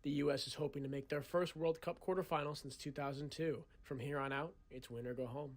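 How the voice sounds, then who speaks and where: A young man filing a sports news report, reading it quickly and in a scripted style. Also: on the high side, steady tone.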